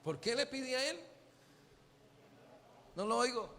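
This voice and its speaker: A man preaching a sermon as pastor, questioning his congregation in an animated way. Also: very high voice, slow pace, in a large hall. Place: church.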